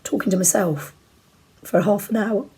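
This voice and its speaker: A woman in her forties with a croaky voice, under the weather, chatting casually and candidly to camera as she answers viewer questions in a rambling way. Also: medium pitch, normal speed, darkish tone, low-quality recording. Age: 40s. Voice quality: croaky, husky. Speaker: video blogger. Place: bedroom at home, indoors.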